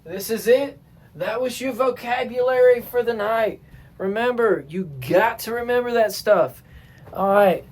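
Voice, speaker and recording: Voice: medium pitch, measured pace. A music teacher giving a casual lesson, explaining at an easy pace and often checking in with "right?" while restarting phrases. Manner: relaxed, keeps checking with "right?".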